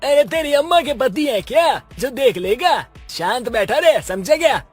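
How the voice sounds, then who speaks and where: A man's voice: extremely high pitch, expressive, normal speed, breathy edge, soft background music, exaggerated voice. A man voicing a blustering village goon in a cartoon who threatens people, then whines when he gets beaten. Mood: menacing. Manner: threatening, then whining and yelping. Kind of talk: cartoon voice acting.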